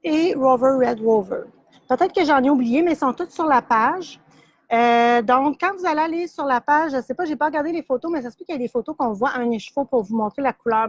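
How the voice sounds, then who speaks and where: A woman's voice: on the high side, no echo. A middle-aged woman with a Québécois French accent, chatting casually as she shows yarn and sock blanks on a live stream, full of fillers and easy laughs. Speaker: yarn shop host. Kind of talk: casual live product demo.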